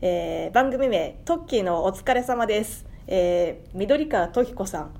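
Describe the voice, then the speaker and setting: A woman hosting a casual podcast over a remote call, laughing often and reading out results in a brisk announcing manner. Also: medium pitch, expressive, creaky, dark tone. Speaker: podcast host.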